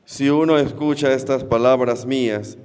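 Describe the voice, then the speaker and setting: A priest reads the Gospel in a lowered, smooth and resonant voice. His pace is slow and measured. A long church reverb trails each phrase. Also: fairly even intonation, darkish tone. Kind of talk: solemn scripture reading.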